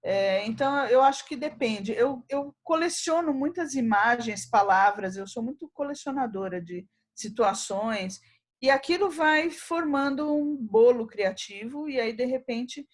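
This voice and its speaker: A woman's voice: a little high, normal speed. A woman from Brazil, a poet being interviewed, telling an anecdote and acting out the dialogue as she goes. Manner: animated storyteller, acts out dialogue and laughs often.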